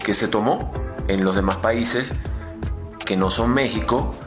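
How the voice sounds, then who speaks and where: Low-voiced man stating views firmly. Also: measured pace, music in the background. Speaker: dubbing professional. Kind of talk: interview answer.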